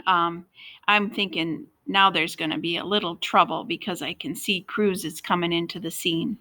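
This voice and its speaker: A woman's voice: on the low side, steady tone, normal speed, bright, forceful tone. A woman teacher reading a novel aloud to a class and stopping to explain her predictions about the story. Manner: explains predictions as she reads.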